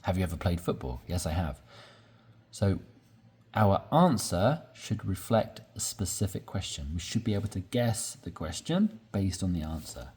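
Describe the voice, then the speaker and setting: A man teaching English, slowly explaining sentence patterns and repeating examples with patience. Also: low-pitched, lively intonation, darkish tone, breathy edge. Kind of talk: slow explanatory lesson.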